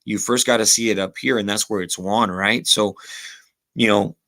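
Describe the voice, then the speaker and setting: A former college football kicker in his thirties talks reflectively as a guest on a casual podcast, his voice lowish, pushed and bright, with fairly even intonation at normal speed. He has a Texas Rio Grande Valley accent, uses "you know" constantly and slips Spanish phrases into his speech.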